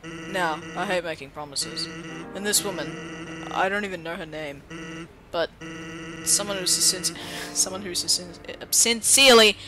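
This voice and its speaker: A man's voice: on the high side, unhurried, close to an everyday voice. A man voicing a laid-back male skeleton sentry, telling jokes in an easygoing drawl while reading game dialogue. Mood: warm. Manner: easygoing, drawling joke-teller. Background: game music.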